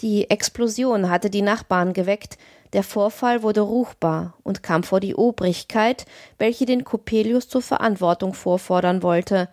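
A woman narrating a literary tale in a measured, expressive audiobook reading. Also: mid-range voice, no echo, studio quality.

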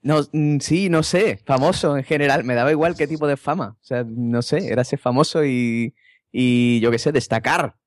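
A man's voice: mid-range voice, normal speed, no echo, studio quality. A man, co-hosting a casual podcast and telling jokey anecdotes. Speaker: podcast co-host. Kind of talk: casual chat.

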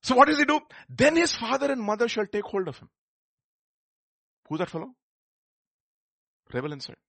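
A man's voice: very high voice, sing-song, normal speed, gravelly, fairly bright tone, breathy edge, no room sound. A middle-aged man with an Indian accent preaching a sermon in a conversational way, putting questions and repeating phrases for emphasis. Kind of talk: animated sermon.

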